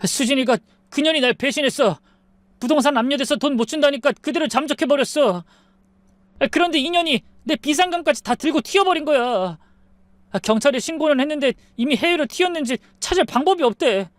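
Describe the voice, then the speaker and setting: A man's voice: very high voice, expressive, brisk, no echo, pitched above the performer's own voice. A woman reading the part of a desperate middle-aged husband who pleads and then lashes out, in a storybook drama. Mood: bitter.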